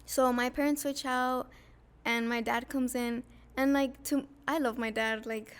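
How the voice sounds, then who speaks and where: A young woman tells her story in a casual podcast chat. Her voice sits a little high but barely moves in pitch, and she fills the gaps with soft-spoken "like"s. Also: steady tone, unhurried, clear, resonant tone. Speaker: podcast guest.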